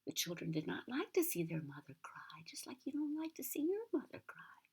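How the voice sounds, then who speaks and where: A sweet old American lady, a grandmother, reads a picture book aloud to a child in a gentle, breathy, husky near-whisper with chatty asides. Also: on the high side, very animated, a little fast. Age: older.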